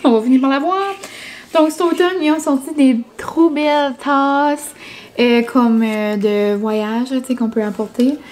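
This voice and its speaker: A woman's voice: high-pitched, measured pace, a little mellow. A young woman with a Québécois French accent chatting casually in a vlog, full of fillers like "genre" and "comme". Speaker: vlogger.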